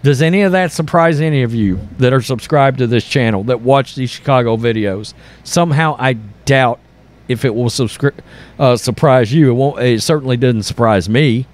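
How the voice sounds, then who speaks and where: Here the commentary channel host has a mid-range, darkish-toned voice and keeps a moderate pace. He reads news aloud and reacts with blunt sarcasm and exasperation, delivering opinionated political commentary.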